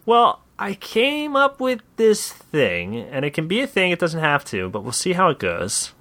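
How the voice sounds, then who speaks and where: A man co-hosting a casual podcast, playfully pitching ideas and laughing along. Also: huge pitch swings, measured pace, fairly bright tone. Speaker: podcast co-host. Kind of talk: casual chat.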